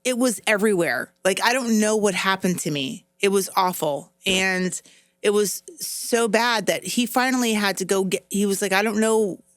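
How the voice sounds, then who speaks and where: A middle-aged woman co-hosting a podcast, telling an embarrassing story in a casual, animated way and laughing as she goes. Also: medium pitch, normal speed, no room sound, clean studio sound. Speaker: podcast co-host.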